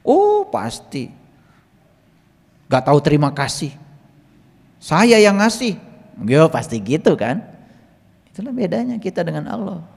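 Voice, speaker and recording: Man, religious teacher, sermon, rhetorical questions, slow drawn-out Arabic verses, swooping expressive pitch, reverberant hall. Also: vocal fry, slightly rough. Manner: lively, fires rhetorical questions at the audience. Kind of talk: sermon-style religious lesson. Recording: long reverb, hall-like room.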